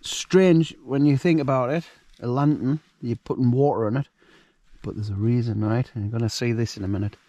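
In a dry recording, a man with a steady, warm, mid-range voice talks briskly while cooking and showing gear at a wild camp outdoors at night. It's a casual outdoor cooking vlog, full of chatty jokes and rambling asides.

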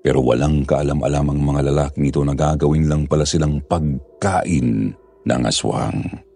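A male narrator with an extremely deep, dark voice tells a horror story in a grave, measured way. His voice is heavily gravelly and husky. Faint music plays under the narration.

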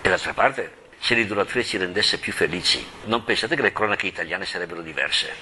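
Bright-voiced chatty Italian priest. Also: male voice, deep voice, expressive, fairly quick, a little hiss or hum. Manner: chatty, laughing asides, retelling scripture with dramatic quotes. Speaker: parish priest teaching the Bible. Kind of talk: informal Bible lesson.

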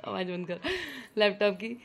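A woman's voice: mid-range voice, steady tone, moderate pace, creaky. A young woman, a mother, playfully coaxing and teasing her toddler at home in baby talk, laughing often. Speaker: mother and family vlogger.

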